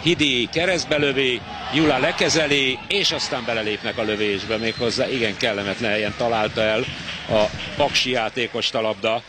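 Male football commentator, excitable live match delivery, medium pitch, audible stadium background noise. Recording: clear stadium noise behind.

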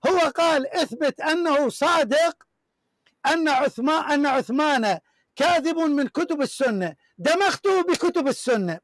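A man's voice: very high voice, expressive, normal speed, a bit bright, no echo. A man hosting a heated religious debate, reading from books in an emphatic, repetitive, declaiming way. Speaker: show host debating a caller.

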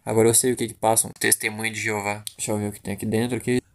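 A man's voice: lowish voice, level tone, racing. Gaúcho guy from home, crude jokey Let's Play commentator, jittery. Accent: southern Brazilian, Rio Grande do Sul. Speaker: gaming YouTuber.

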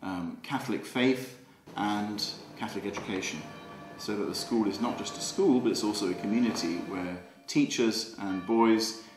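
A man on the school staff, explaining the school for a promotional film in a measured, earnest way. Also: lowish voice, music in the background. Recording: roomy echo.

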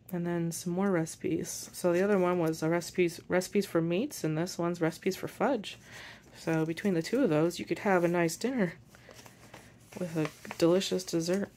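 A woman with a somewhat low voice gives a relaxed craft walkthrough, describing each page as she turns it. She takes her time and pauses often between thoughts. A faint hum of room ambience sits behind her. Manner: unhurried, pausing while handling pages. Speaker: journal maker and shop seller. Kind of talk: casual show-and-tell craft walkthrough.

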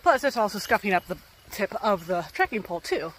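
A young adult vlogger hikes a wooded mountain trail, holding a phone camera at arm's length and chatting casually while slightly out of breath. The medium-pitched voice is sing-song, brisk, and a bit bright, full of fillers as the vlogger thinks aloud, with slight background noise.

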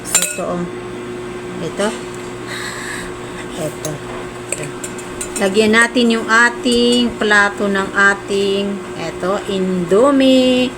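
A woman's voice: mid-range voice, slow pace, long pauses. A Filipino woman hosting a casual food vlog, chatting as she eats and humming over bites. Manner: talks while eating, with savoring hums. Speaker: mukbang host. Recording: noisy room with clattering dishes.

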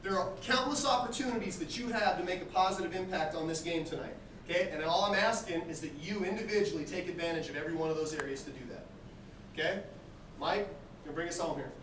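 A man with a notably high voice gives a pre-game team talk as a coach. He exhorts in short phrases, checking in with brief questions. The sound is echoey and picked up from across the room, with faint noise. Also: quick pace. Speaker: basketball coach. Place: small team locker room. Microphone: camera across the room. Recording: roomy, distant camera mic, faint noise.

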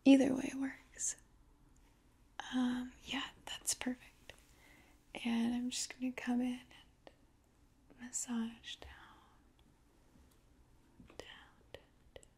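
A woman in her twenties performs an ASMR roleplay in her living room, close to the camera, with soft, slow, intimate talk delivered as a soothing, whispery murmur. Her voice is on the high side and warm, with a level tone, a slow pace and long pauses.

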